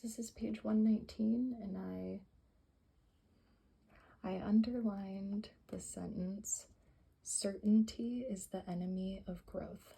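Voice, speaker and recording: Whispering ASMR woman with a creaky voice. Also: medium pitch, fairly even intonation, slow pace, low-quality recording. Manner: whispering and very soft-spoken; rambling, self-correcting asides. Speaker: ASMR creator. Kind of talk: soft whispered ASMR reading and rambling. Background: faint music playing for plants, background hiss.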